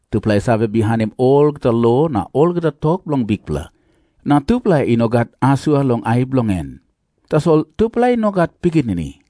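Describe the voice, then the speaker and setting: A man's voice: medium pitch, dark tone, dry recording, studio quality. A man with a Papua New Guinean accent narrating scripture as a story in Papua New Guinean Pidgin.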